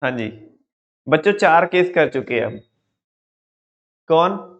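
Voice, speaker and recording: A man's voice: on the high side, animated, takes it slowly. A male teacher giving an online economics lecture in a playful, teasing way, constantly asking his students questions. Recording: dull lo-fi sound.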